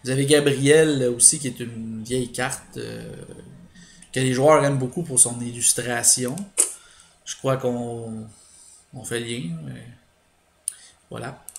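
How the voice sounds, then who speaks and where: A man's voice: mid-range voice, fairly even intonation, measured pace, vocal fry, pauses often, a little hiss or hum. Quebec french dude narrating his card game, lots of euh, echoey room. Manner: thinking aloud, hesitant, explains strategy to viewers. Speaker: gaming channel host. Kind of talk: let's play commentary.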